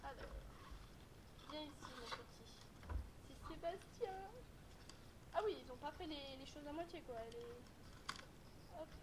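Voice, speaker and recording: High-voiced, excitable woman on a noisy recording. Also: a little slow, long pauses. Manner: chatty and excitable, laughing often. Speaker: YouTuber. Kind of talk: casual unboxing chat.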